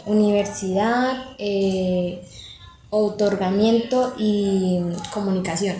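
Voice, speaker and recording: A young woman reading a class presentation, listing examples in a slow, measured way with hesitant fillers. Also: medium pitch, mellow. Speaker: student presenter. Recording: echoey room, faint background noise.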